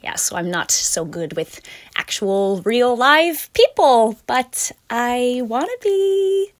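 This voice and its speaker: A woman voicing Anna, a sheltered and eager young princess who talks in a bright, bubbly, awkward way. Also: fairly high pitch, lively intonation, slow pace, pitched above the performer's own voice.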